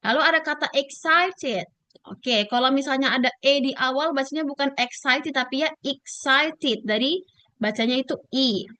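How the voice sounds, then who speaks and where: High-voiced Indonesian woman teaching English. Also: sharp tone, dry recording. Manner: mixes English and Indonesian, repeats words slowly for pronunciation. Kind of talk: online class teaching.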